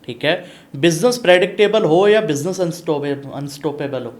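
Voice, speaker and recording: Brisk, fairly high-voiced male podcast host. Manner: brisk questioner with short affirming replies. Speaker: podcast host, business coach. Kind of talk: casual podcast interview, quick-fire questions.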